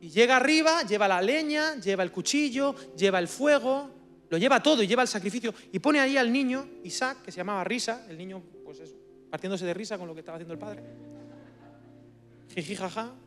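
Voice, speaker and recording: A man with an accent from Spain preaching a sermon as guest speaker at a church service, swinging from hushed asides to loud bursts. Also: sits high, expressive, fast, soft background music. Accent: Spanish from Spain.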